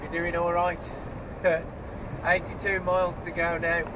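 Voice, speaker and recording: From his cab, a cold-stricken truck driver with a stuffed-up nose chats casually to the camera, grumbling at other road users in his driving vlog. His voice sits high, his delivery is completely flat and unhurried, and road and engine noise fill the cab.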